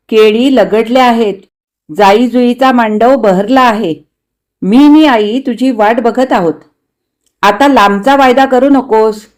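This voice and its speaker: A woman's voice: on the high side, darkish tone. A woman reading an older man's loving letter. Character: older man writing a warm, loving invitation.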